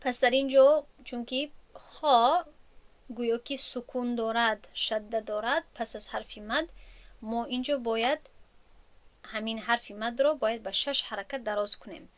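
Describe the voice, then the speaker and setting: A woman teacher gives a recorded lesson in a slightly high voice. She explains things patiently and keeps restating each point in new words so it sinks in. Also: steady tone. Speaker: teacher of Quran recitation rules.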